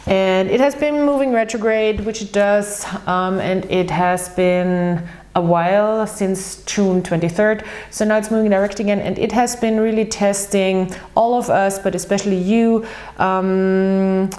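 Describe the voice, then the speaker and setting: An Austrian tarot reader, German-speaking by birth with an Austrian German accent, delivers a casual monthly tarot and astrology reading. She's chatty and rambling, full of ums and restarts. Her medium-pitched, darkish voice stays steady and unhurried.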